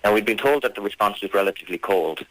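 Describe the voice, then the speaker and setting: A man being interviewed on radio as a campaigner, speaking formally and insistently, with halting phrasing. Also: lowish voice, a bit bright, low-quality recording.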